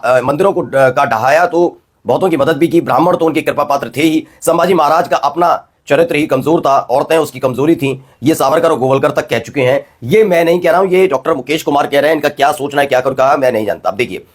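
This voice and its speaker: A man delivers political news commentary at a rapid clip, his voice a touch husky and pitched a little high. He keeps turning to the viewer with rhetorical prompts. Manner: fast, rhetorical, addressing viewers directly.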